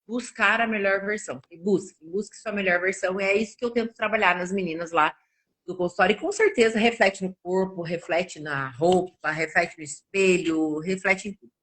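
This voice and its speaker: A woman's voice: mid-range voice, moderate pace, slightly rough. A woman in her forties, a nutritionist, telling personal stories in a casual podcast chat and acting out the quoted dialogue. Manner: animated, acts out quoted dialogue.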